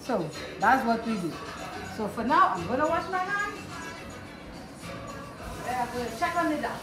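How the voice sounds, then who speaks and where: A woman's voice: high voice, very animated, moderate pace. Chatty Trinidadian woman cooking in echoey kitchen. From southern Trinidad. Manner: chatty and homely, repeats herself, laughs easily. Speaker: home cook. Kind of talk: casual cooking demonstration. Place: home kitchen. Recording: echoey kitchen with music behind.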